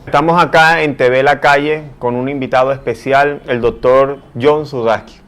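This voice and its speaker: A man's voice: mid-range voice, fairly even intonation, moderate pace, fairly bright tone. A man interviewing a guest, asking long, wordy questions and stacking several together.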